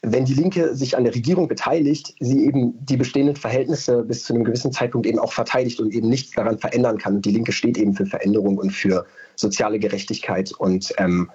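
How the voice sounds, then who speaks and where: A man's voice: medium pitch, fairly even intonation, quick pace, darkish tone, slightly rough, highs cut off. A man from Berlin answering as a radio interview guest, thoughtful and hesitant, with many fillers. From Berlin, Germany. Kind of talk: casual interview.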